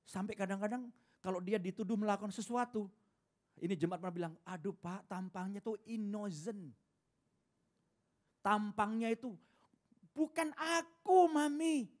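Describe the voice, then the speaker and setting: High-voiced, animated preacher. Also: male voice. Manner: animated storytelling, casual asides. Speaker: pastor. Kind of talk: sermon.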